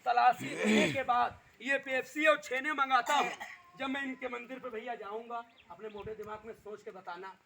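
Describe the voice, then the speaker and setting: Street magician guy, real high voice, hollering patter at villagers, crowd noise all around. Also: steady tone, moderate pace, creaky. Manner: loud hawker-style calling to the crowd. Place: outdoor village street show. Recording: outdoor show with loud crowd.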